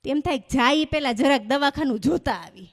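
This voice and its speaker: A high-pitched woman performs stand-up comedy on a stage. She tells animated stories and acts out the voices of the people in them. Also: normal speed. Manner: animated storyteller acting out dialogue. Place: stage before a live audience.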